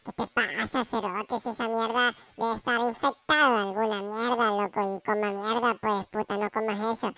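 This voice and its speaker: A woman's voice: fairly high pitch, fairly even intonation, normal speed, pushed and bright. A woman voicing a brash, cocky young male street traveler, swearing and full of slang, in an amateur audio story. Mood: bossy.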